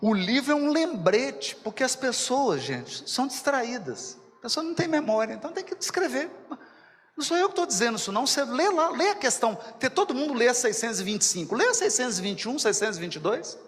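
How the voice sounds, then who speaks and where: A man with a Mineiro Brazilian accent giving a spiritual lecture, animated and acting out little dialogues as he talks to his audience. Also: very high voice, fairly quick, in a large hall. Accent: Mineiro Brazilian Portuguese. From Minas Gerais, Brazil. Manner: animated, acts out dialogues, addresses the audience directly.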